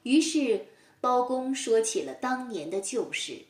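A woman telling a story for children, gentle and expressive. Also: fairly high pitch, measured pace, roomy sound, recorded from a distance.

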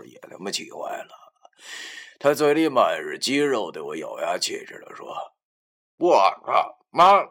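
A man narrating a first-person novel, often sinking into a breathy whisper. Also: on the low side. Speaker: audiobook narrator.

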